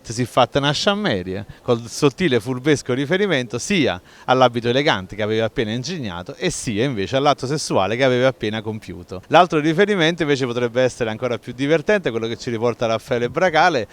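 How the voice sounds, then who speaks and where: A man's voice: mid-range voice, expressive, fast, few pauses. A man explaining in a conversational, playful way, with rhetorical questions and asides. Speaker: explainer of local dialect and folklore.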